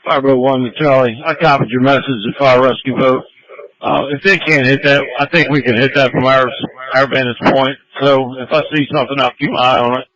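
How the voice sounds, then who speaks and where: A man's voice: mid-range voice, fairly even intonation, fairly quick, fairly bright tone. A man replying as a firefighter over a two-way radio. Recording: muffled fire department radio.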